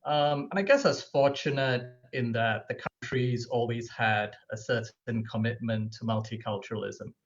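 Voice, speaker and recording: A man in his fifties from Singapore shares personal remarks as a panelist, chatty and full of ums and restarts. His voice has a gravelly edge, and it comes over a dull, lo-fi call line. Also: mid-range voice, moderate pace, few pauses. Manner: conversational, many ums and self-corrections. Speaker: bank treasurer, panelist. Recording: lo-fi video call audio.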